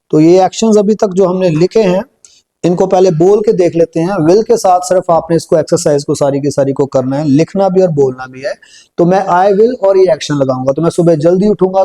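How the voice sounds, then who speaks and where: A man with a Punjabi accent teaching a spoken English lesson step by step, slowing down and repeating phrases while he writes them on a board. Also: high-pitched, dark tone.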